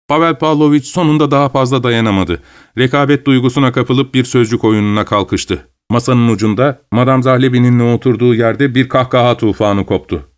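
A man narrating an audiobook story in a calm, measured reading voice. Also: medium pitch.

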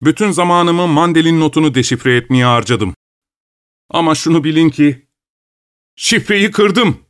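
A man's voice: medium pitch, lively intonation, normal speed, natural voice. A man voicing a carefree, eager male office colleague who talks cheerfully and offhandedly. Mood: offhand triumphant.

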